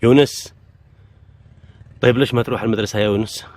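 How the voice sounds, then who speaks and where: A man's voice: medium pitch, fairly even intonation, quick pace, darkish tone. A man with a Yemeni accent hosting an on-location vlog as a casual interviewer, coaxing and encouraging, often repeating himself. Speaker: video host interviewing people outdoors. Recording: music behind the voice.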